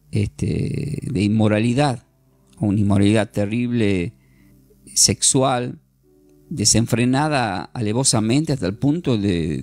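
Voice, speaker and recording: A man teaching an informal Bible class, animated and jokey, acting out scenes and often restarting. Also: mid-range voice, vocal fry, dry recording.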